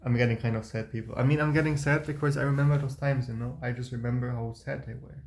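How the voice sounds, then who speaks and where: A man's voice: mid-range voice, fairly even intonation, fast, a little mellow. A young man talking through his past in a rambling, hesitant monologue, restarting often. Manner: rambling and hesitant, with many restarts and broken grammar. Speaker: vlogger. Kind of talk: personal reflective monologue. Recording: roomy echo.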